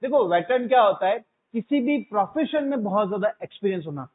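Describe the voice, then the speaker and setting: High-voiced male teacher on a tinny recording. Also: animated, brisk. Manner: drills students with repeated questions, calls them 'beta'. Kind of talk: classroom vocabulary lesson. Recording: tinny phone-like sound.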